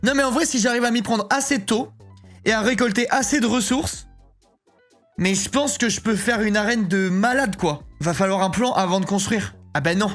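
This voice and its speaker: A man in his thirties chatting casually on a live stream, excitable and rambling, often breaking into giggles. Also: high voice, normal speed, soft background music. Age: 30s.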